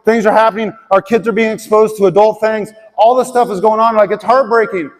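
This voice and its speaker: A man's voice: high voice, fairly even intonation, a little fast. A middle-aged man preaching a conversational sermon to a congregation in a large church auditorium, asking them direct questions. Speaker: pastor. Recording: long hall reverb.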